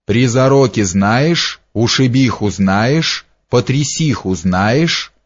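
A man doing a hoarse old muttering sorcerer. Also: medium pitch, animated, slow. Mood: threatening. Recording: dull lo-fi recording.

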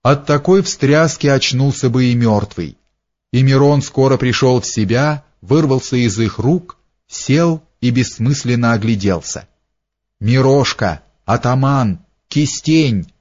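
Неспешный мужской голос чтеца. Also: male voice, mid-range voice. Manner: measured, even reading. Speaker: narrator. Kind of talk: audiobook narration. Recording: dull lo-fi recording.

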